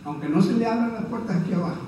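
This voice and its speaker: This pastor's voice sits high and moves with lively intonation as he races through his sermon. He is earnest and conversational, repeatedly asking his congregation "¿verdad?" The distant mic in the echoey church hall cuts off the highs and picks up a noisy background.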